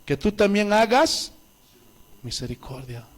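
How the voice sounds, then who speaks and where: A man's voice: sits high, big pitch swings, measured pace. Pastor guy preaching, lots of rhetorical questions, reads bible passages out, voice jumps all over. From Bolivia. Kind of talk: sermon.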